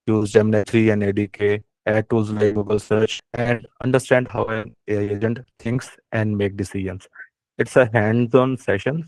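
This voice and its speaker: A man's voice: lowish voice, darkish tone, no echo, poor audio. A man hosting an online event, giving a formal introduction for a guest speaker. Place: online video call.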